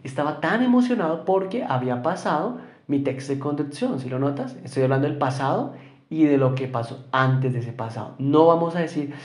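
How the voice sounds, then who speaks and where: A man's voice: on the high side, animated, brisk, reverberant. A man with a Colombian Spanish accent teaching English in an online lesson, explaining patiently and often checking with questions.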